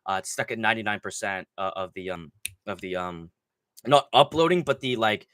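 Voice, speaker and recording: This young man's fairly low voice moves briskly, recorded with studio quality and no echo. Stuffed up from a cold, he hosts a casual livestream, rambling, cursing and getting excited as he talks through his fight picks.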